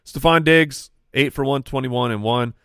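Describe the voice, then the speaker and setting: A man's voice: mid-range voice, normal speed, a bit bright, no room sound, studio quality. A man co-hosting a fantasy football podcast in casual banter, reeling off player stats. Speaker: podcast co-host. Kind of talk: casual sports chat.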